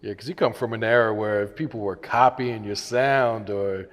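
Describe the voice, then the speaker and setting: A man's voice: on the low side, normal speed, long reverb tail. A man interviewing someone in a casual chat, informal and slangy in his phrasing.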